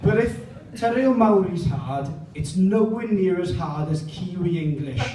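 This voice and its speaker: Male stand-up comic, thirties, Welsh Valleys accent, high-pitched voice, recorded at a distance in a very echoey venue. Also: expressive, unhurried. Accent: South Wales Valleys. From Pontypridd, South Wales. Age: 30s. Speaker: stand-up comedian. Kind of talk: live stand-up comedy. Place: indoor live gig venue. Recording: roomy, distant mic, faint noise.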